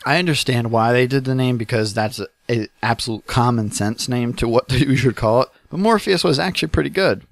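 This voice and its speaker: Tired, joking male podcast co-host, mid-pitched voice, dry close recording, full of quick riffs. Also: creaky, no room sound. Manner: jokey, quick riffs, frequent laughs. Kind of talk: casual chat.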